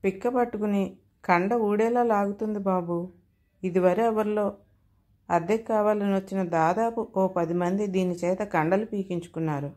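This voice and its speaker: A woman's voice: medium pitch, moderate pace, darkish tone, lightly acted. Woman as a doting dog-loving landlady. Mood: matter-of-fact. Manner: fond and proud. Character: doting middle-aged landlady, devoted to her pet dog.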